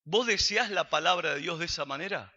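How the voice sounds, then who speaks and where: A man's voice: a little high, brisk, bright, forceful tone. A man with an Argentine accent preaching a sermon, asking his congregation questions and answering them himself. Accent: Argentine Spanish. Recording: dull recording with long hall reverb.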